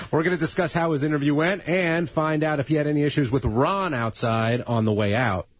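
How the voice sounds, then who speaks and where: Husky man reading a show rundown. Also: on the high side, normal speed, dry recording. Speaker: radio show staffer previewing segments. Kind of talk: read promo rundown. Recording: muffled radio broadcast.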